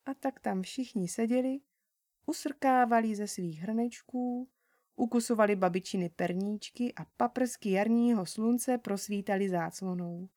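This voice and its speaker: A woman reading a children's story aloud in a gentle, unhurried narrating voice. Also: mid-range voice, no room sound, clean studio sound.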